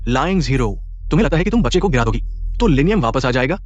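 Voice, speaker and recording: A man's voice: medium pitch, expressive, racing, lo-fi sound, faint music behind, lightly acted. A man voicing a bitter, manipulative young male lover in a dubbed drama, taunting and resentful. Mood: mocking.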